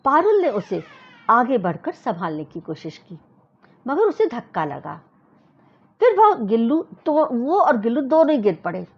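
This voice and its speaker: A woman narrating a children's story in an expressive, animated storytelling manner. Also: on the high side, measured pace, husky. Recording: dull lo-fi recording.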